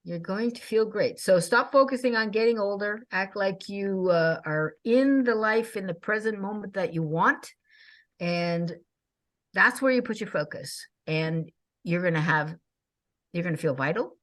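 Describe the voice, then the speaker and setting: A woman in her sixties hosting a casual chat, talking with bright enthusiasm and frequent laughs. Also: medium pitch, a little slow. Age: 60s. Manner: enthusiastic, chatty, laughs often.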